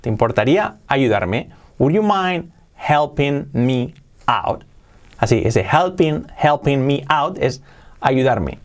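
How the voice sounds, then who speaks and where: Lively male English teacher drilling phrases. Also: medium pitch. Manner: repeats phrases slowly to model pronunciation. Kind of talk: video lesson for Spanish speakers.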